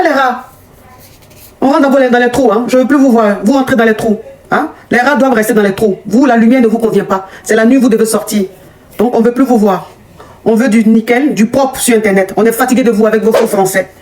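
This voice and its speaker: A middle-aged woman coach ranting at her online critics in a scolding, mocking, repetitive way, her voice jumping up in pitch as she gets heated. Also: darkish tone, a little hiss or hum. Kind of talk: angry rant on a live video.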